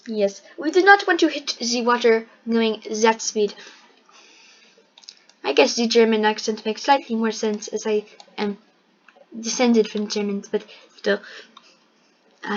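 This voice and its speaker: Brief: woman gameplay narrator, somewhat high voice, dry mock-serious delivery, dull lo-fi mic. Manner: mock-formal, wry, slips into put-on accents. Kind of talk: gameplay commentary. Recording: dull lo-fi microphone.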